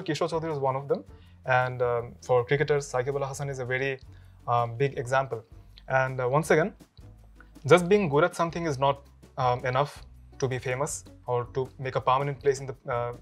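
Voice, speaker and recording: Slow, hesitant young man from Bangladesh. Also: mid-range voice, soft background music. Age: 20s. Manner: slow and hesitant, with fillers and restarts. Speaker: IELTS test candidate, undergrad student. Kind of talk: mock speaking-test answers.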